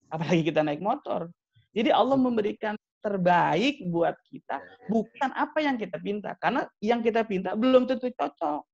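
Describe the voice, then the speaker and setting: A man's voice: high-pitched, animated, normal speed, creaky, darkish tone. A man preaching a light-hearted religious talk, joking with his audience between points. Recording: dry, slightly dull sound.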